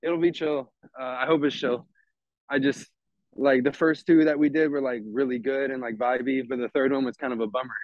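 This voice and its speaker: A man's voice: medium pitch, steady tone, a little fast, no echo, muffled recording. A man from Texas chatting casually, rambling and swearing freely while describing events he organizes. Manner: rambling, laid-back, swears a lot. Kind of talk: casual chat.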